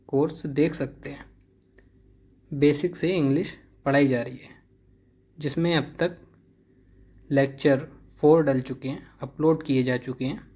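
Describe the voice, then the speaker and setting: A man's voice: fairly high pitch, darkish tone. A man teaching an English vocabulary lesson, repeating each word several times to drill the pronunciation.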